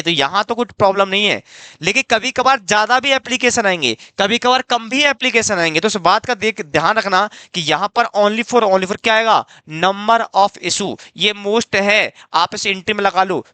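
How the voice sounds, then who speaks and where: High bright-voiced man teaching. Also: clean tone, no echo. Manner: coaxing, repeats himself, quizzes students, calls them "beta". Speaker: accounting teacher. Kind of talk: classroom lecture.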